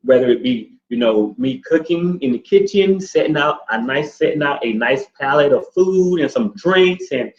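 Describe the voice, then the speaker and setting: A man's voice: fairly high pitch, lively intonation, normal speed, few pauses. A man in his forties, co-hosting a casual couple chat, talking in a laid-back, rambling way with lots of fillers. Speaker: co-host. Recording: echoey room, dull lo-fi sound.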